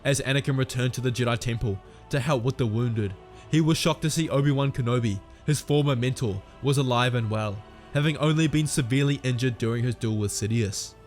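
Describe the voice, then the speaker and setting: A man giving steady, dramatic scripted storytelling narration. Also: medium pitch, fairly quick, faint music behind.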